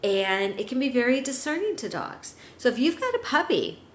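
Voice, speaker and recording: A woman's voice: high voice, big pitch swings, normal speed. A middle-aged woman, a dog trainer, giving chatty, upbeat training advice to dog owners. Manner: upbeat and chatty, acting out pets' thoughts. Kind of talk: instructional talk to dog owners. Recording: roomy echo, faint hiss.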